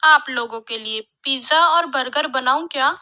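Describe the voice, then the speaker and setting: A woman voicing a spoiled young city daughter-in-law who talks in a high, fussy, whiny way. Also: moderate pace, pushed and bright.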